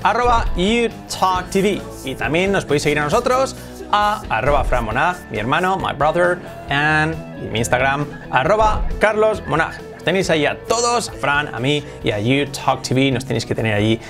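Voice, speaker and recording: Energetic Spanish man teaching English. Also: on the high side, over music. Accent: Spanish from Spain. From Spain. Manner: energetic, repeats English phrases slowly then fast. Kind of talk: bilingual video lesson.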